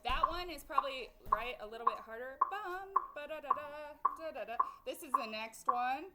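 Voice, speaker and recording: A woman leads a violin class, counting in and singing rhythms in a fairly high voice. Loud violin playing fills the room behind her. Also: brisk, over music. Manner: counts off and sings rhythms aloud. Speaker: violin teacher. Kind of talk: group music class instruction. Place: music classroom with students playing. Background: violins playing loudly.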